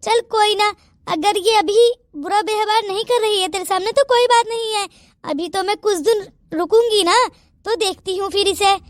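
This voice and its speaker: A voice actor playing a bossy, nosy older aunt in a Hindi cartoon story, scolding and quick to take sides. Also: very high-pitched, dry recording, studio quality. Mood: reassuring.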